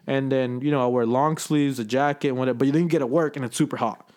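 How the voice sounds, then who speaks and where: A man's voice: medium pitch, steady tone, quick pace, a little mellow. Young man rambling in casual chat. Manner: rambling, indecisive, says bro and dude. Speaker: podcast co-host.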